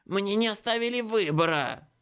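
A man's voice: high-pitched, lively intonation, moderate pace, fairly bright tone, clear, resonant tone, pitched above the performer's own voice. A man voicing a bearded, cowardly male changeling who pleads frantically in an audiobook. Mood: panicked. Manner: pleading, frantic, near sobbing. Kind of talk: audiobook character voice.

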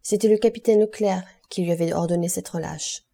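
Jovial middle-aged shipowner, read by a woman, cordial and exclamatory; dark, husky tone. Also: fairly low pitch, a little fast. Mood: friendly. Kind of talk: audiobook reading.

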